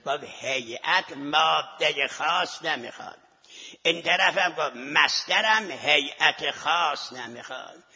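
A man's voice: on the high side, animated, creaky, sharp tone, slightly rough. A man teaching seminary students in a scholarly lecture, arguing his point and posing rhetorical questions to the class. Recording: lo-fi recording with long hall reverb.

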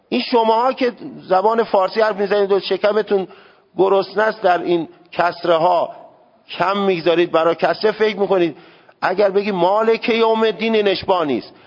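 A man teaching a seminary class on religious law, speaking emphatically and sounding out Arabic words to show how they should be said. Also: sits high. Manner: emphatic, demonstrates Arabic pronunciation aloud. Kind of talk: religious law lecture to students. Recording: dull lo-fi recording with long hall reverb.

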